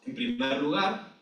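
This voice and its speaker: A man's voice: fairly high pitch, sharp tone. A man preaching a sermon as pastor, emphatic and full of repeated phrases. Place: church hall. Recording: echoey church hall from far off.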